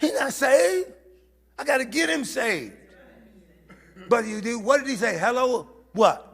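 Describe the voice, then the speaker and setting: A man preaching as a bishop at a church prayer meeting, animated and laughing, sometimes rising to shouts. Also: very high voice, measured pace, gravelly, slightly rough. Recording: hall reverb.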